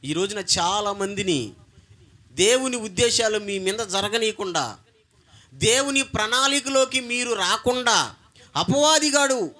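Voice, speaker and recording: Male pastor, high lively voice, bright emphatic sermon delivery, call-and-response. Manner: call-and-response, demanding congregation repeat loudly; emphatic, swings between soft and loud.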